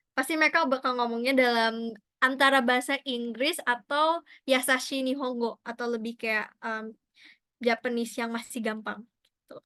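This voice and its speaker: A woman leads an online language lesson with a high, bright voice and a smooth, crisp tone. She talks in a chatty, encouraging way, cheering her students on. The recording is dry and close. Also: dry recording. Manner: chatty, encouraging, mixes in English and Japanese praise. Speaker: Japanese language teacher. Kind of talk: online class instruction.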